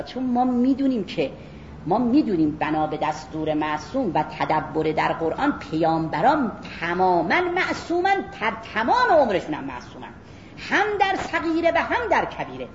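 A woman, a Quran teacher, gives an animated religious lecture, reciting Arabic verses and addressing her listeners directly. The room is echoey, and the sound is dull and lo-fi with a faint rumble.

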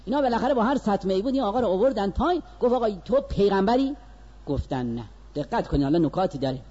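A man giving a religious lecture, telling a story with animated delivery that moves between slow, stressed phrases and quick asides. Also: high voice, husky, highs cut off.

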